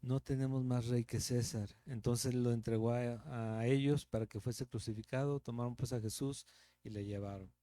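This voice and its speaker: A man's voice: mid-range voice, fairly even intonation, moderate pace, dark tone, dry recording. A man with a Mexican Spanish accent teaching the Bible verse by verse as a pastor, in a conversational preaching manner with rhetorical questions.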